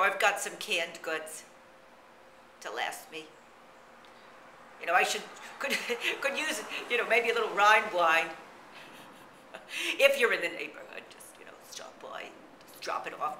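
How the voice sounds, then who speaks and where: Man voicing a brassy, frail old gossip of a lady, bright wobbly voice, roomy echo. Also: high voice, a little hiss or hum, heavily acted. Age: older. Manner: chatty, rambling, full of "you know" and cackling asides. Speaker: comic character monologue. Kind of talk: character comedy monologue to camera.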